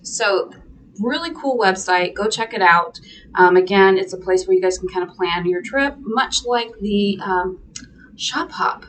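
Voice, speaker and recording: A Midwestern American woman co-hosting a casual live stream from a quilt shop. She rambles a little, dotting her talk with ums. Her pitch sits in an ordinary middle range. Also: fairly bright tone, a little hiss or hum. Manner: chatty, rambling with many fillers.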